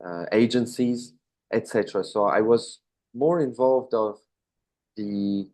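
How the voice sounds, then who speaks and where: A business owner in his thirties from Belgium, speaking with a Belgian accent, gives relaxed, casual interview answers full of fillers and self-corrections. His voice has a fairly low pitch.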